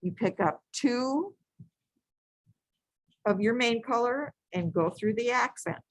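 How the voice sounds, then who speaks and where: A woman whose voice is on the high side teaches beading live from her craft table. She takes each step slowly and calmly, repeating instructions and occasionally starting a phrase again. Her voice sounds dry and close, with no room reflections.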